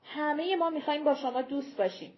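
A woman's voice: sits high, highs cut off, pitched above the performer's own voice, close to an everyday voice. A woman voicing a persuasive giant leader who coaxes the tiny folk to come down from a mountain in an audiobook. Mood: coaxing. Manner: coaxing, persuasive.

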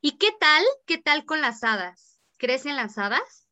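Bright-voiced Mexican woman telling a story. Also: sits high, measured pace. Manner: lively storyteller acting out quoted speech. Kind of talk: casual chat, storytelling.

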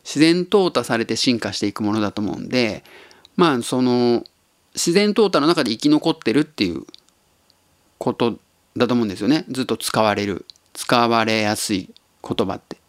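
A man from Tottori hosts a casual solo podcast at a middle pitch. He muses in an easygoing, unhurried way and chuckles often. The voice sounds close and dry, with no room sound. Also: expressive, no echo. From Tottori, Japan. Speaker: podcast host.

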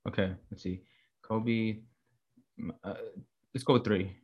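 A man's voice: fairly low pitch, steady tone, slow, darkish tone, breathy edge, muffled recording. Young male co-host, casual, joking, hesitant guesser. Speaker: co-host answering quiz. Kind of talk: casual chat.

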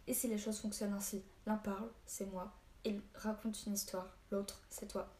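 A woman reads a gruff old hermit who tells stories slowly and loses his temper quickly. The delivery is mellow and even, with little rise and fall. The audiobook recording carries room echo and a faint hiss. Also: medium pitch, close to an everyday voice. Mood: stern. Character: old male hermit storyteller, stern and short-tempered. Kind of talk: audiobook reading.

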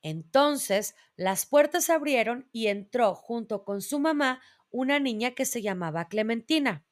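A woman reading a children's storybook aloud in a gentle, measured way. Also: on the high side, lively intonation.

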